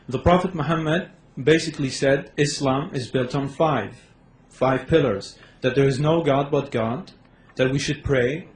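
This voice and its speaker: Slightly nervous male debater, echoey hall. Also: mid-range voice. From Los Angeles, United States. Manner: slightly nervous, hesitant, speeds up in bursts. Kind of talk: debate presentation. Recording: echoey hall, faint background noise.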